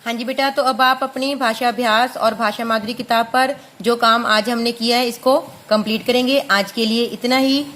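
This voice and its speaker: A woman's voice: fairly high pitch, steady tone, normal speed, hardly any pauses, a bit bright. A woman teaching young children a Hindi lesson, patiently sounding out each syllable and affectionately calling the pupils "beta". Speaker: primary school Hindi teacher.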